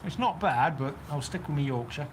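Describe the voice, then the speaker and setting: A New Zealand-accented man, his voice on the high side with lively intonation and a brisk pace, reads viewer comments in a casual livestream chat. He rambles from an outdoor weather shelter on a golf course, with a little hiss or hum audible.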